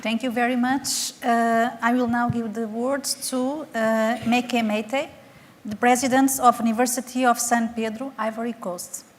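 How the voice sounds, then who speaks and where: Slow woman moderator in a reverberant hall. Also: fairly high pitch, steady tone. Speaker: session moderator. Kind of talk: formal introduction of speakers. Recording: noisy, reverberant hall, distant.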